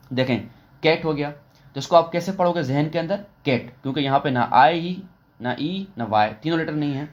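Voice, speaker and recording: Man patiently teaching phonics rules. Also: medium pitch. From Pakistan. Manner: explains step by step, repeating rules and asking questions; slows down sharply to say English phrases. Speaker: English teacher. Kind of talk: online phonics lesson.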